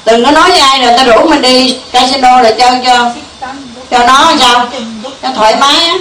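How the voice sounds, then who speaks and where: A woman's voice: sits high, brisk, fairly bright tone, a little hiss or hum. A woman giving a folksy Buddhist sermon, full of rhetorical questions and small chuckles. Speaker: Buddhist preacher. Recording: echoey room from far off.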